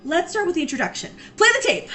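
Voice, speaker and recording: A woman's voice: very high voice, sing-song, fast, bright, forceful tone, soft background music, heavily acted. A woman playing an eager, awkward magic scientist in an audio drama, rambling and hesitant with dry exasperation. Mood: eager, brisk. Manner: rambling, hesitant, dryly exasperated public speaker.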